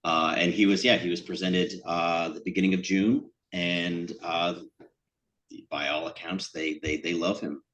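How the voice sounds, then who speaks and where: A man's voice: deep voice, fairly even intonation, a little slow, fairly bright tone. A middle-aged man with a New England accent, presenting his sculptures in a casual, rambling talk with a lot of fillers and self-deprecating asides. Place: event room.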